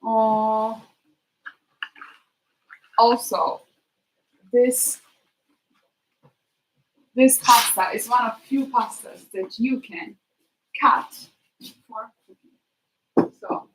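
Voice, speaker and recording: A woman chatting casually to her live stream while she cooks, thinking aloud in a halting way and trailing off. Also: on the high side, fairly even intonation. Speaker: streamer hosting a live cooking chat. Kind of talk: casual chat while cooking. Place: kitchen, next to the sink. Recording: noisy kitchen with clicks. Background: cooking noises and clicks.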